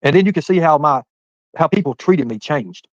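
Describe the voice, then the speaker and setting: At a normal pace, a livestreamer in his forties goes through his chat, rambling casually and addressing viewers directly by name. His voice is on the high side and expressive, captured in dry, dull-sounding audio.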